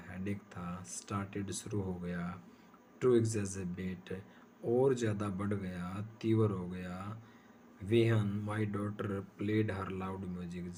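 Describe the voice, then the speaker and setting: A man teaching English vocabulary in a slow, measured way, often repeating himself. His voice sits low and mellow. A faint hiss of background noise runs under the recording. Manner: explains patiently, repeats words and slows down for English examples. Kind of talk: vocabulary lesson explaining words in Hindi.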